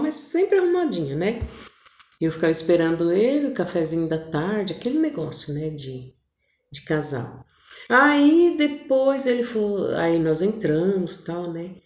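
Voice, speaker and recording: A woman's voice: medium pitch, moderate pace. Woman telling her family story, acts out the voices, roomy echoey sound. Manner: intimate, animated retelling with voiced quotes. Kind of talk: personal storytelling to viewers. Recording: echoey room.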